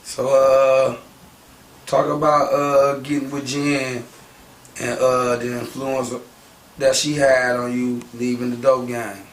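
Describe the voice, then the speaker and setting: Male interviewer, flat slow delivery, far from the mic, echoey room. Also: mid-range voice. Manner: slow, halting questions. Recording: distant, roomy off-mic voice.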